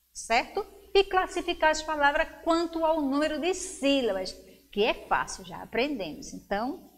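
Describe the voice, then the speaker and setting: A woman teacher giving a lesson to young children, encouraging them and stretching words out syllable by syllable. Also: on the high side. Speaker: schoolteacher.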